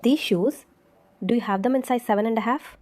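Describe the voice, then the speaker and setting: An actress playing a plain-spoken, doubtful shoe shop customer in a dubbed drama. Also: female voice, a little high, a little fast, natural voice. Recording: noisy background, clicks.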